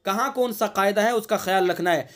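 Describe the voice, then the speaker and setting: Male recitation teacher, high voice, patient explainer, drills sounds, slow drawn-out chanting of verses. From India. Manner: repeats sounds as drills to correct mistakes. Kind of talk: online Quran recitation lesson.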